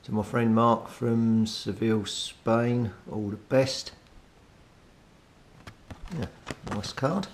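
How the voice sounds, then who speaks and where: A British hobbyist video host talks slowly and pauses a lot, offering casual how-to commentary while he works, thinking aloud and muttering informally to himself. There's a steady background noise with a low rumble.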